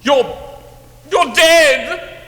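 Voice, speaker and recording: A man's voice: very high voice, drawn-out words, bright, forceful tone, exaggerated voice. A man playing an elderly, fearful miser in a comic stage play, recorded in a reverberant hall. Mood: wary. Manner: theatrical, breaks into laughter. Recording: roomy hall with long reverb, faint noise.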